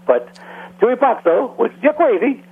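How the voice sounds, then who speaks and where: Male radio guest, measured explainer, raspy voice, tinny telephone quality. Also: very high voice, lively intonation. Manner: measured, explanatory, with frequent fillers. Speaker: guest language expert. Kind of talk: casual radio interview. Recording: phone-like, husky radio line.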